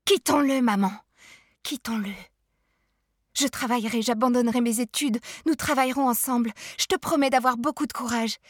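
A woman's voice: fairly high pitch, moderate pace, no room sound, studio quality, voice pushed up, close to an everyday voice. A woman reading aloud as a young son who pleads urgently and passionately with his mother, raising her voice. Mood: pleading.

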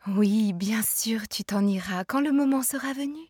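A woman reading aloud as a patient, gentle mother soothing her child, her voice soft and dropping to whispers. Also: a little high, moderate pace, slightly rough, no room sound, studio quality. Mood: tender.

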